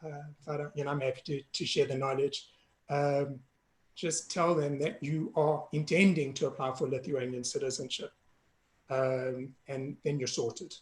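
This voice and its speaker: A hoarse man, a panelist frankly and casually explaining citizenship rules over a video call. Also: medium pitch, steady tone, moderate pace, reverberant.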